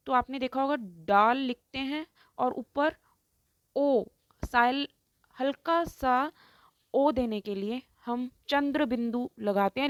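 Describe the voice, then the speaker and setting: Slow, careful Hindi grammar teacher. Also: female voice, on the high side, no room sound. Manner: slow, explains step by step, keeps asking "ठीक है"; says each example word slowly and distinctly. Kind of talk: online lesson.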